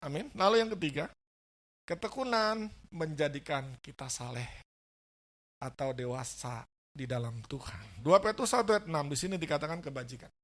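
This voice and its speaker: Animated storytelling pastor, a man. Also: fairly high pitch, normal speed. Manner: animated, acts out dialogue, asks the congregation. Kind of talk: sermon with storytelling. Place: church service.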